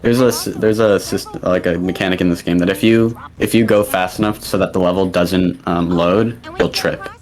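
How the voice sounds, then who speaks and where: A man's voice: sits low, steady tone, moderate pace, hardly any pauses, a little mellow. A young man giving casual commentary on a video game speedrun race.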